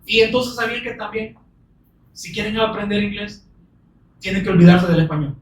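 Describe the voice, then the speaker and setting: A man preaching a sermon earnestly, asking many rhetorical questions and quoting scripture slowly and with emphasis. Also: sits high. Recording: roomy echo, distant mic.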